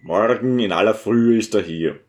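A man voicing a smooth, scheming male visitor who talks in a coaxing, ingratiating way. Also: fairly low pitch, moderate pace, close to an everyday voice.

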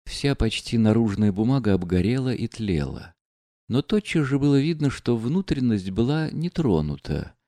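A man narrating a classic novel as an audiobook in a measured, dramatic reading. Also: medium pitch, very animated, warm tone, no room sound, clean studio sound.

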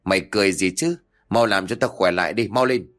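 A man voicing a scheming old sorcerer who talks in a gruff, demanding way. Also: sits low, a little fast, a bit bright. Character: scheming old male sorcerer, greedy for revenge.

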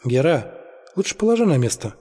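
A man voicing a stern, cautious young leader who gives firm orders, in a husky voice. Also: fairly high pitch, very animated, fairly quick, mellow, in a large hall. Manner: firm, commanding.

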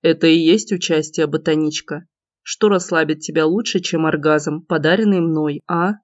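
A woman voicing a cocky young man who teases in a low, smirking murmur, in a dull, slightly lo-fi recording. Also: steady tone, normal speed, dry recording, lightly acted. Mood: teasing. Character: cocky teasing young man, the heroine's lover.

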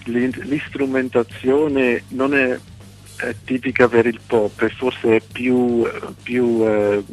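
A man from Switzerland speaking non-native Italian with a foreign accent, halting and searching for words in a radio phone interview. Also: medium pitch, little pitch movement. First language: not Italian. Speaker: band singer and guitarist being interviewed. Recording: phone call on radio, music behind.

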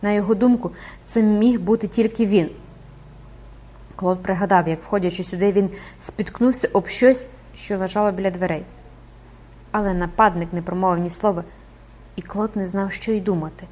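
A woman's voice: medium pitch, normal speed, darkish tone. A woman narrating an audiobook dramatically and expressively, rising with the action.

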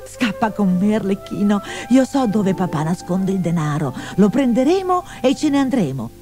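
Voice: medium pitch, very animated, moderate pace, mellow, soft background music, close to an everyday voice. A storyteller voicing an eager young woman in love, pleading with her sweetheart.

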